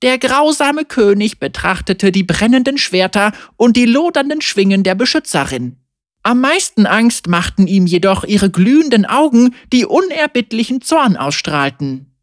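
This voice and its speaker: A woman reads a fantasy tale aloud with measured, expressive pacing. Her voice sits fairly high and moves a great deal in pitch. The recording is close and dry, with no room sound. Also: no echo. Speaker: narrator. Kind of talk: scripted storybook narration.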